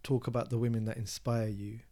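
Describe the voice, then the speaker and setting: A man's voice: mid-range voice, level tone, fairly quick, dark tone. A man, a designer co-hosting a podcast, teasing his partner in mock-exasperated banter. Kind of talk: casual chat.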